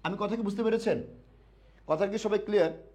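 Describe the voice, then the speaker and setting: A man teaching a live online grammar class to admission students. He asks the students questions and answers them himself, repeating key words slowly. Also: sits high, a little mellow.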